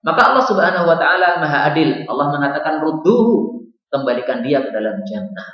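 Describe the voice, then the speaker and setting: A man's voice: fairly high pitch, fast talker. A man teaching a Quran commentary class, telling a story and explaining each Arabic phrase line by line. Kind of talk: religious lesson. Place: mosque hall. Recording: very echoey hall, dull lo-fi.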